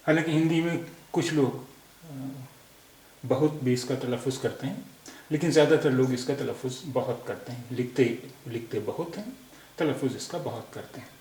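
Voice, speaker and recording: A man from India teaching a language lesson, patiently going over spelling corrections and repeating each word with many pauses. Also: medium pitch, darkish tone, roomy sound.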